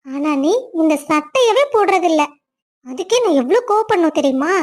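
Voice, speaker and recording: Cartoon lead: a woman playing a loving, tearful young wife, squeaky-high voice, emotional. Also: lively intonation, normal speed, darkish tone. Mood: longing. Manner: emotional, weepy, pleading. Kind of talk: cartoon family drama voice acting.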